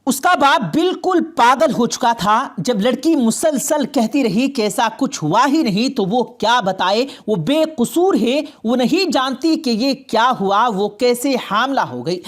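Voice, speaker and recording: A woman narrating a dramatic story in an expressive storytelling manner. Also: a little high, few pauses.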